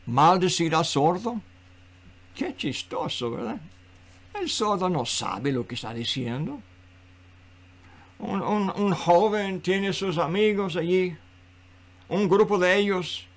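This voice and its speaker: A man's voice: high voice, expressive, slow. A man preaching a sermon in an earnest, repetitive style, building emphasis.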